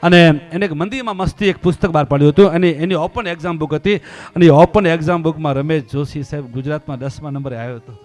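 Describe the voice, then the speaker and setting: A man giving a devotional story discourse, acting out the story voices and swinging from quiet telling to loud pleading. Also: fairly high pitch, fairly even intonation, quick pace. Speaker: religious storyteller.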